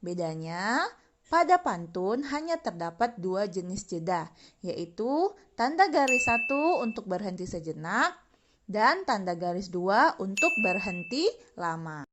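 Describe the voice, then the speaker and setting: A woman's voice: medium pitch, sing-song, unhurried, very noisy. A young woman teaching an online lesson to children, cheerfully asking questions and answering them herself. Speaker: religious school teacher.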